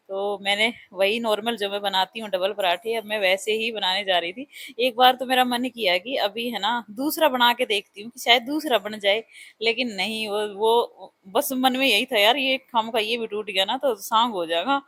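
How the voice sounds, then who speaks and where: A woman's voice: a little high, a bit bright, dry recording. A middle-aged woman running a parlour and raising her son, chatting casually and with self-mocking humour over her cooking vlog. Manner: chatty, self-mocking, talks directly to viewers. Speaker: vlogger, parlour owner and mother.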